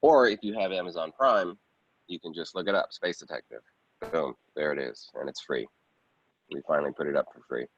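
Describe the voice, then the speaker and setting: A man with a very deep, slightly rough voice talks fairly quickly in a casual interview about his work as an independent filmmaker. He rambles conversationally and often repeats phrases, and the lo-fi recording sounds dull and roomy.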